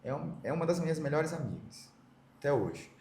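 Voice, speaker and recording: A man's voice: on the high side, lively intonation, brisk, darkish tone, roomy sound, slight background noise. A middle-aged man from Brazil, sharing a personal story as a podcast guest, speaking with emotion and acting out the dialogue he recounts.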